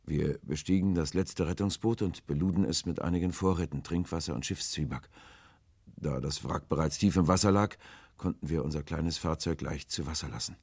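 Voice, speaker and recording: A man's voice: very deep voice, darkish tone, slightly rough, no room sound, clean studio sound, exaggerated voice. A man voicing a frightened, starving old man who speaks in a hesitant, hopeless way in an audiobook. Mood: sorrowful. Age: older. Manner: hesitant, halting, sorrowful and hopeless. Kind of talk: audiobook character voice.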